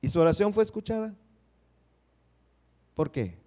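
Male preacher, slightly higher voice, dramatic, quizzes his congregation. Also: sing-song, measured pace, warm tone. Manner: dramatizes prayers, asks the congregation questions. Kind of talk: sermon.

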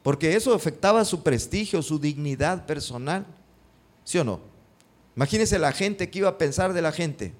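Preaching man with a higher voice. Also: expressive, moderate pace. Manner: asks the congregation frequent rhetorical questions; reads scripture aloud and repeats key phrases for emphasis. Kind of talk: sermon.

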